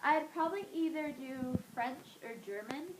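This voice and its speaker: Against a noisy background, a teenage girl with a high-pitched voice replies to interview questions at a moderate pace. Her answers are chatty and laid-back, heavy on fillers, with each thought trailing away.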